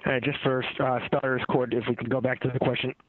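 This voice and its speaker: A man on speakerphone asking a question during a media conference call, halting and restarting as he talks. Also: mid-range voice, level tone, slightly rough, dry recording. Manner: halting, with many restarts and fillers. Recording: tinny conference-call phone line.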